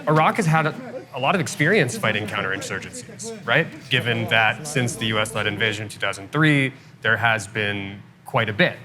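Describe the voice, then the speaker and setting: A man's voice: lowish voice, expressive, fairly quick, music in the background. A man hosting the interview, asking questions in an inquisitive, casual way. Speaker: host.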